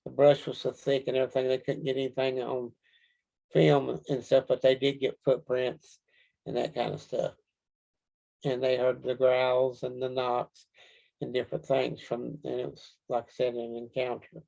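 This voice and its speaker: Creaky, mellow man with a Kentucky accent. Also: medium pitch, monotone, poor audio. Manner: folksy, halting storytelling. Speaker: interview guest, Bigfoot researcher. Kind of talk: casual interview answers.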